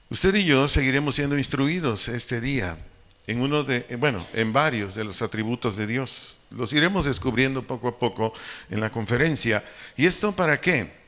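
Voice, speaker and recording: A Mexican man preaches a sermon in a church hall, and his voice rings with a long echo. His tone is bright and forceful. He slows down to repeat key phrases for emphasis. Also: mid-range voice. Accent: Mexican Spanish.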